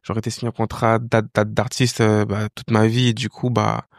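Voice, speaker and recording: A young man with a gravelly edge to his voice, talking loosely and full of slang as he thinks aloud. He restarts and repeats words, and the close, dry studio sound puts him right at the mic. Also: fairly low pitch, little pitch movement, brisk, no room sound. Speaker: singer and guest. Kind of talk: casual interview chat.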